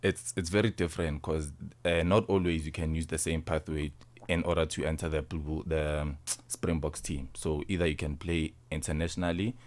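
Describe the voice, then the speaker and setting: Fairly quick and steady in tone, a nineteen-year-old South African man speaks as a rugby guest in an interview, his rumbling low voice a bit darkish. He keeps it informal, saying things twice in different words and tagging lines with "you see."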